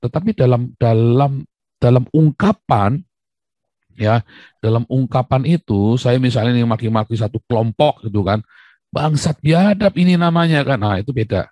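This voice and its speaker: A man's voice: medium pitch, moderate pace, warm tone, no echo. A man hosting a live video-call discussion, emphatic and lecturing, often repeating himself. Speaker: livestream host.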